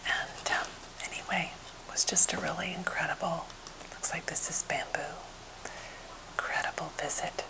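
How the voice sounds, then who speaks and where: An American woman whispering softly and breathily in a gentle, unhurried ASMR chat, as for a finger-tapping video. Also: deep voice, fairly even intonation, low-quality recording. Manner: gentle, unhurried rambling storytelling. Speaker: ASMR creator showing wooden objects.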